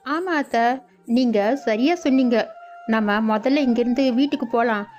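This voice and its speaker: A woman voicing an eager, greedy young daughter-in-law who talks in a quick, urging, excitable way in a cartoon story. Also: a little high, lightly acted. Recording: dull lo-fi audio with background music.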